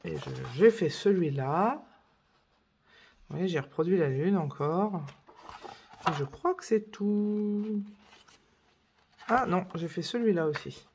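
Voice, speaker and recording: A woman's voice: lowish voice, expressive, slow, long pauses, darkish tone, slight background noise. A woman vlogging about her coloring books in a casual show-and-tell chat, rambling with many fillers and self-corrections.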